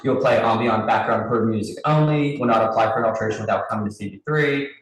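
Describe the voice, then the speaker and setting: Man, committee chair, group video call, brisk list reading, distant mic, faint noise. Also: lowish voice, heavy reverb. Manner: brisk, businesslike, reads lists with small restarts. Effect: heard over a group video call. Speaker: committee chair at a public meeting. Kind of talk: reading out license terms and running a vote. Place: meeting room joined to a video call.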